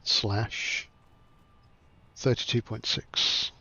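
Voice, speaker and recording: A man's voice: mid-range voice, steady tone, drawn-out words, sharp tone, husky, dull audio. A man giving casual livestream commentary as he plays a flight simulator, thinking aloud in a chatty, self-deprecating way.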